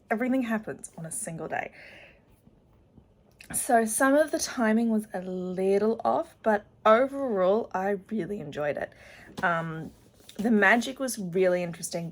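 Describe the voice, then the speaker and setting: A young woman, chatting casually about her reading in a rambling way, full of ums and likes. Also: mid-range voice. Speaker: book vlogger. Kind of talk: casual reading vlog chat. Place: at home. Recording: noisy home recording.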